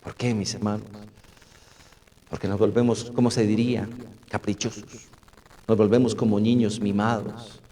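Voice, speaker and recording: In an echoey church hall holding some fifty or sixty people, a middle-aged Colombian pastor preaches, often posing rhetorical questions and calling out to his brothers. His voice is lowish, level, and mellow, at a normal speed with long pauses.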